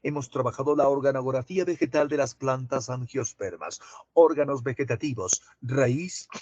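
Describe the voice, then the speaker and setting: A man teaching an online class, asking students drawn-out questions. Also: medium pitch, a little mellow, no echo, highs cut off.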